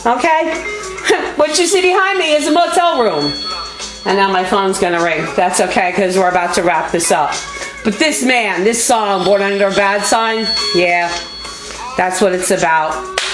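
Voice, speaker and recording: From a motel room, a female activist host and fundraiser addresses viewers directly in a loud, expressive, mid-range voice, a little slow, with an unscripted, indignant, folksy passion. The homemade camera audio is echoey, and background music plays underneath.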